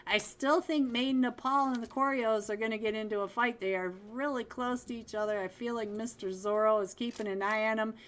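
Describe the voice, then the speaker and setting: A woman calling a mobile esports match alone, chatty and upbeat, with bursts of excitement at big plays, and losing her voice. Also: on the high side, a little fast, few pauses. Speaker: esports caster. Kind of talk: solo live game commentary.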